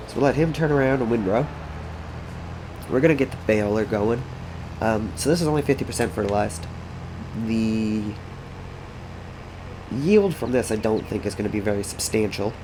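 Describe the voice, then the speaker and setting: A gaming streamer with a medium-pitched voice sounds congested and sniffly as he plays a farming game. He rambles casually, thinking aloud to himself and his chat, with background noise behind him.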